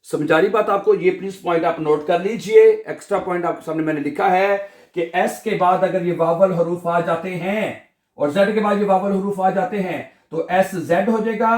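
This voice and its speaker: Patient man teaching in an echoey room. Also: high-pitched. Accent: Pakistani Urdu. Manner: patient, repeats each sound and checks understanding. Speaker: language teacher. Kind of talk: beginner language lesson.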